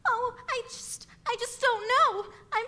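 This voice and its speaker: A woman's voice: extremely high pitch, measured pace, sharp tone, full character voice. A young woman playing a gushing showgirl bride. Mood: flustered. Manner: theatrical, gushing. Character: young female showgirl bride, dramatic, flighty. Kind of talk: stage musical acting.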